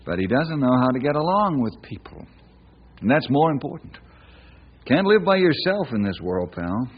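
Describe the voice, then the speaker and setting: An American actor playing a kindly, principled forest ranger in old-time radio drama style, with an earnest, folksy, friendly manner. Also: male voice, mid-range voice, big pitch swings, moderate pace, lightly acted. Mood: reflective, earnest. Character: kindly, principled male forest ranger, plain-spoken and steady. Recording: muffled, noisy old radio recording.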